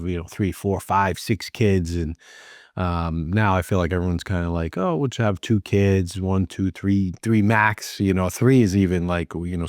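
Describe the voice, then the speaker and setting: A man's voice: low-pitched, darkish tone, dry recording, studio quality. A man hosting a podcast, asking friendly, rambling questions full of fillers. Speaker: podcast host. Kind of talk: casual interview chat.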